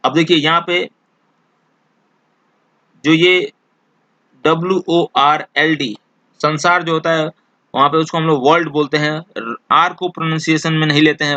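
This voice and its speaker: Man, teacher, exam-prep lesson, patient repeating, bright tone, dry close recording. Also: a little high, no echo. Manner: explains slowly, repeats points, many fillers.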